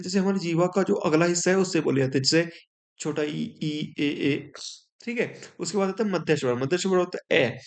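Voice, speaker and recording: A man's voice: a little high, a little mellow. A man teaching a grammar lesson for exam students, explaining step by step and checking in with his listeners.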